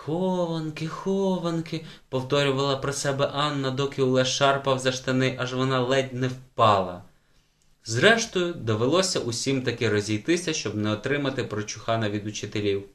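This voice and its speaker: A man's voice: mid-range voice, fairly quick, a bit bright. Man reading a children's book aloud. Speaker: audiobook narrator. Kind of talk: scripted narration.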